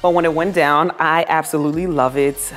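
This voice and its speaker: A woman's voice: low-pitched, steady tone, fairly quick. A woman giving a casual home makeover tour to viewers, gushing admiringly about the decor as she goes. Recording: music behind the voice. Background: background music.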